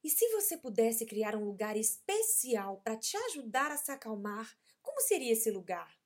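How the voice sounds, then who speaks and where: A woman voicing a patient, gentle mother in a children's story, speaking in a soothing, coaxing way. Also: on the high side, sing-song, normal speed.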